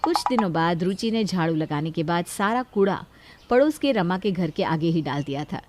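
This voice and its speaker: Give me a woman narrating a cartoon storybook, steady and even. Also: fairly low pitch, normal speed.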